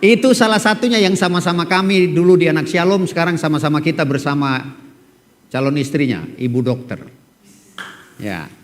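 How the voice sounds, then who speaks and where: A middle-aged male pastor with a rough voice, preaching an animated, joking sermon and calling on members of his congregation by name. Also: on the high side, normal speed. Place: church hall. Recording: long church hall reverb.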